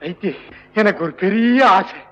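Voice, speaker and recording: A man's voice: high-pitched, unhurried, in a large hall, highs cut off. An actor playing a rich, scheming male landlord who speaks in a commanding, insistent way, on an old film soundtrack.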